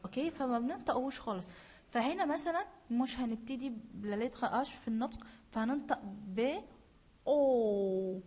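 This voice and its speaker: A woman French teacher with an Egyptian Arabic accent, slowly spelling out letters and repeating sounds, switching between French and Arabic. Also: a little high, darkish tone, breathy edge. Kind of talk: classroom lesson.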